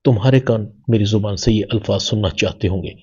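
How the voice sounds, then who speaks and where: A man reading the lines of a loving, remorseful young wife in a drama recap, softly and with a husky low voice. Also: dull audio. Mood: tender.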